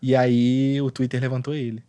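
Carioca podcast host dude, mid voice, eager slangy chatter, dry mic. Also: male voice, medium pitch, little pitch movement, normal speed, dark tone, smooth, dry recording. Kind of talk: casual podcast interview.

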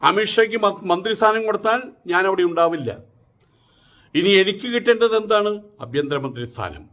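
High-voiced man, mocking political monologue. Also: animated, fairly quick, fairly bright tone. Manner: mocking, rhetorical, repeats his taunting questions. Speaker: political commentator.

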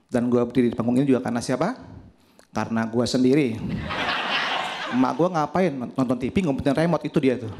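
A young man with a Jakarta accent performing a stand-up routine on stage, telling stories with sudden jumps in voice for the punchlines. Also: mid-range voice. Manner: animated storytelling, voice jumps up for punchlines. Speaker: stand-up comedy contestant. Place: stage before a studio audience.

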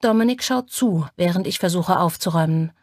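A woman reading an audiobook in first person, with measured, intimate storytelling. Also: on the low side, dry recording, clean studio sound. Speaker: audiobook narrator. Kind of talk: scripted first-person narration.

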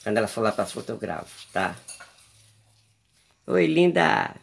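A man's voice: lowish voice, steady tone, quick pace, gravelly, fairly bright tone, a little hiss or hum. A man from Brazil filming a casual home video, talking to his pets in a coaxing, sing-song way, with asides to viewers. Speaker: vlogger.

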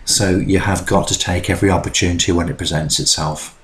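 A middle-aged man talks through his DIY work in a relaxed, explanatory voice-over. His voice sits very low, and he fills the gaps with frequent ums. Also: brisk, slight background noise. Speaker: DIY vlogger. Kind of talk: instructional voice-over narration.

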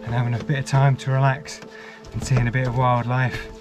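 A man in his forties speaks in a brisk, mid-range voice over loud music, narrating a casual outdoor vlog from a canoe on a lake. He sounds relaxed and reflective and chuckles often, and the audio comes from an action camera mounted on the boat.

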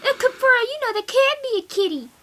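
A woman's voice: extremely high pitch, animated, a little fast, bright, forceful tone. A woman acting out an improvised plush-toy skit with a childlike, insistent, teasing delivery. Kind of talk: playful improvised puppet skit with plush toys. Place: small carpeted room at home. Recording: noisy home camera recording.

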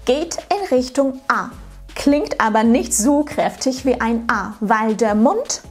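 Slow, deliberate woman pronunciation coach. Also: on the high side. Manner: clear, deliberate, models words for repetition. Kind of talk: scripted pronunciation lesson. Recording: soft music behind.

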